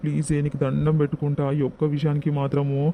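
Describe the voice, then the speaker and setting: A man's voice: fairly high pitch, monotone, quick pace, creaky, narrow, tinny audio, a little hiss or hum. A man with a Telangana accent playing a guilty, nervous husband in a comedy skit, pleading and begging. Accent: Telangana Telugu. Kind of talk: village comedy skit acting.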